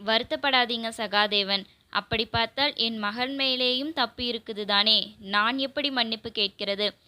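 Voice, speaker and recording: A calm, fair-minded older man, as a woman reader puts him on in an audio novel. He asks his questions in a measured way. The voice is bright, a little high, and dry. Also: no echo.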